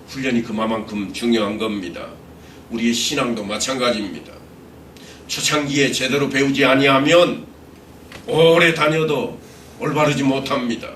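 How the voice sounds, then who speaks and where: A man's voice: mid-range voice, a bit bright, reverberant, distant mic, a little hiss or hum. A middle-aged male pastor delivering an expository sermon, earnest and full of rhetorical questions. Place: church sanctuary.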